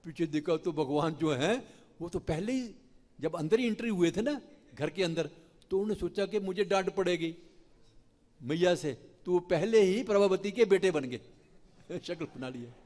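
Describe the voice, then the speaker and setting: Male temple preacher, animated storyteller, slightly high voice, echoey hall. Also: moderate pace. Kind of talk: storytelling sermon.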